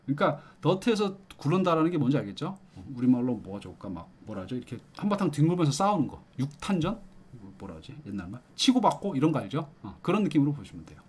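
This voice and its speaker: Lively husky male lecturer. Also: fairly high pitch, quick pace. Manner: lively, coaxing, checks in with "알겠죠?". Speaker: English exam lecturer. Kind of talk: explanatory lecture with questions to students.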